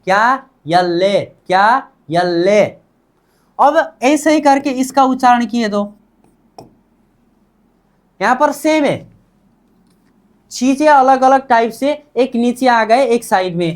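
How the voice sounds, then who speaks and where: A woman with a slightly high voice teaches a language lesson at an unhurried pace. She keeps asking questions and has the answers repeated back, as in a classroom drill. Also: a little mellow.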